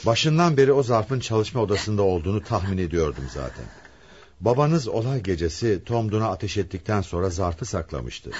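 A shrewd police commissioner. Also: male voice, fairly low pitch, brisk, slightly rough. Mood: calm. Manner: calm, deductive, authoritative. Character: shrewd middle-aged male police commissioner. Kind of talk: 1960s Turkish radio drama acting. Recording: dull lo-fi archive radio recording.

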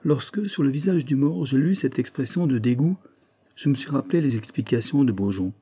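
A man voices a sharp, insistent male investigator revealing the truth of a crime, his tone triumphant. His medium-pitched, dark, breathy voice is pushed up and brisk, emphatic and probing, raised and tense.

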